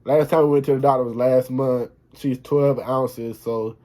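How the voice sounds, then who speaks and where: A man's voice: mid-range voice, steady tone, moderate pace, mellow. A young man chatting casually in a vlog, slangy and protective as an expecting father. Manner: laid-back slangy talk, protective. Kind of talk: casual chat.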